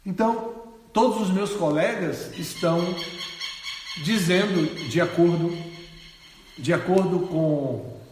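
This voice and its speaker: A swami tells a sermon story in an animated voice, leaving expressive pauses. His voice sits fairly high for a man. The recording carries a long, roomy hall reverb. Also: slight background noise. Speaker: swami giving a lecture. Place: ashram hall.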